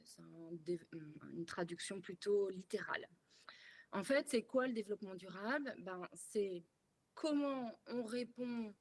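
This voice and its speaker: Woman in her fifties from France, trainer on a video call, explanatory and hesitant, medium voice. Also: medium pitch. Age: 50s. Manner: explanatory, many fillers and restarts. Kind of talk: webinar presentation.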